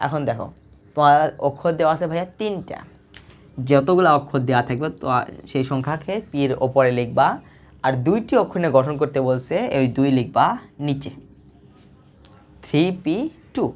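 Low-voiced woman teaching math patiently. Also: moderate pace, long pauses, a little mellow. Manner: patient, repetitive explaining, asks questions and answers them herself. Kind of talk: recorded video lesson.

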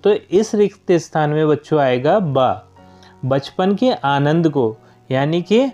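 Man, young adult, teacher, patient, talks to children, warm tone. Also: fairly high pitch, dull audio. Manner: patient, keeps addressing children. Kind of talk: explaining a school worksheet.

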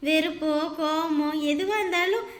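A woman acting a gentle, self-sacrificing mother who soothes her crying daughter with pet names. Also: very high voice, normal speed. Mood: tender. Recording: echoey room.

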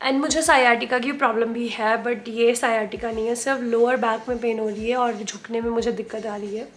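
A woman in her thirties talks casually while she cooks, often dropping in English words. Her voice sits high, and the room adds a lot of echo. She is recorded by a camera standing across her home kitchen. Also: fairly even intonation, normal speed, slight background noise. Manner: chatty, mixing in English words. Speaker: cooking vlogger. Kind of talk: casual cooking vlog chat.

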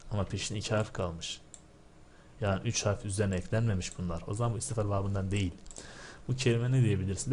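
A male teacher with a somewhat low voice goes over exam answers in a recorded lesson. He explains each point step by step, often stopping to ask rhetorical questions. Faint noise sits under his voice. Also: a little mellow. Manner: recites word forms in a drilled, chanting rhythm.

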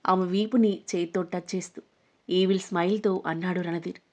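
A woman narrating a scripted audio story in a steady, dramatic storytelling manner. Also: on the low side, normal speed.

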